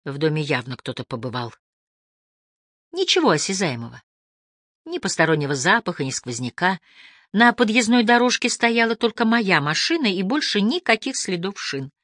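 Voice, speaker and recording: A woman narrating a first-person story as an audiobook reader, with an expressive delivery that moves between hushed and lifted tones. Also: mid-range voice, normal speed, no room sound, clean studio sound.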